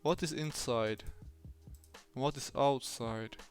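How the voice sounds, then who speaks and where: A man livestreaming his design work in a fake British accent, rambling playfully to himself and his software. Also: medium pitch, takes it slowly, faint music behind. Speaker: streamer. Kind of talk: livestream self-talk while doing design work.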